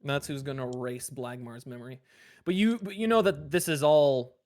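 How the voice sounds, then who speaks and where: A man's voice: mid-range voice, normal speed, a little mellow. A man game master narrating a tabletop game, rambling with many fillers.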